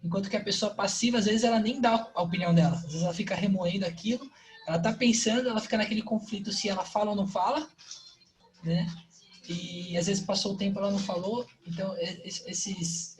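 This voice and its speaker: Guest trainer, explanatory, halting, mid-pitched voice. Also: a little hiss or hum, low-quality recording. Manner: explanatory, repeats words while thinking. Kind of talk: casual online training talk.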